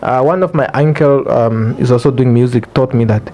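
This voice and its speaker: A man's voice: medium pitch, brisk, mellow. A man with a Namibian accent speaking as a podcast guest, explaining things earnestly in casual interview talk.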